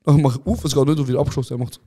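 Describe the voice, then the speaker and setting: A man's voice: mid-range voice, rapid-fire, husky. A young man with a Swiss German accent, co-hosting a casual podcast and acting out scenes while teasing his friend. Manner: lively, acts out scenes and voices, teasing. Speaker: podcast co-host. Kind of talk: casual chat.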